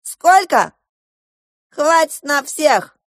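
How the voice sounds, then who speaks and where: A woman voicing a furious, blustering male army general in a storybook reading, shouting orders. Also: high voice, big pitch swings, drawn-out words, no room sound, clean studio sound, pitched above the performer's own voice, full character voice. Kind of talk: audiobook character voice.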